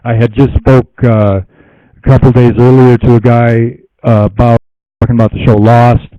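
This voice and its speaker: A man's voice: medium pitch, flat delivery, normal speed, no echo. A man rambles through a personal story as an interview guest, laughing often and wandering between asides. His voice sits in a middle range. The audio is dry and dull, like lo-fi internet radio. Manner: meandering, laughs often, lots of fillers.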